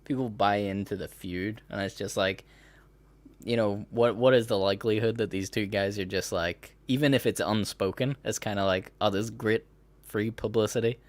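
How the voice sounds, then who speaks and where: A man's voice: lowish voice, normal speed, dry recording. A man hosting a podcast in casual chat, rambling and laughing as he breaks into mocking impressions. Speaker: podcast host.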